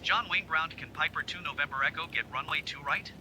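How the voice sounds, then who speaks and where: A man's voice: fairly high pitch, a little fast, background noise. A man talking as a pilot on a cockpit headset, giving clipped, formulaic radio calls. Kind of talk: clipped aviation radio phraseology.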